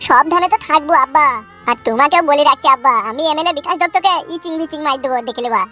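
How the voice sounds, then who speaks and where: A woman's voice: high-pitched, fast, bright, forceful tone, soft background music, pitched below the performer's own voice. A woman voicing a hot-headed young man who swears and vows revenge, in a comedy cartoon. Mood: tearful, vengeful. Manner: fierce, swearing threats.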